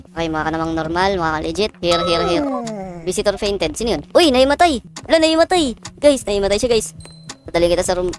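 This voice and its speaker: A low-voiced woman runs through her gameplay in excited, chatty bursts, often repeating herself when things pile up. Her voice sits low for a woman, and loud background music plays throughout. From Philippines. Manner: excitable, chatty, repeats words rapidly under pressure. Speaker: gaming YouTuber. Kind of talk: live gameplay commentary.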